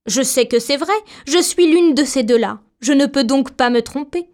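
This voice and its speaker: A woman voicing a kindly little old good witch who speaks calmly and gently. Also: high-pitched, normal speed, natural voice. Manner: calm, gently reassuring.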